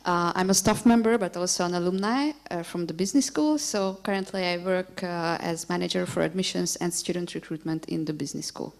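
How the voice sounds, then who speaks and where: A woman's voice: lowish voice, brisk, creaky, few pauses. Woman admissions manager introducing herself. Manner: light, self-joking. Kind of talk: self-introduction. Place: university hall.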